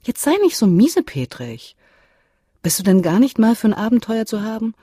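A narrator voicing a reassuring, upbeat mother in an audiobook, speaking in a soothing, cheerful manner with a raised pitch. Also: very animated, fairly quick, darkish tone, breathy edge, no echo, clean studio sound. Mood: coaxing. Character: anxious but upbeat mother, adult woman. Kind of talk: audiobook character voice.

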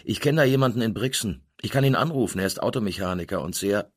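A man's voice: fairly low pitch, animated, quick pace, husky. A man voicing a worried young man who keeps talking, insistent and repetitive. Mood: eager. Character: pushy, worried young man, talks nonstop.

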